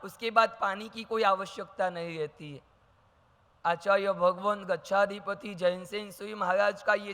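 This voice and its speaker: A man's voice: sits high, sharp tone, clear, resonant tone, in a large hall. A man preaching as a monk, delivering a sermon with anecdotes and acting out the dialogue, asking rhetorical questions. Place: large hall with audience.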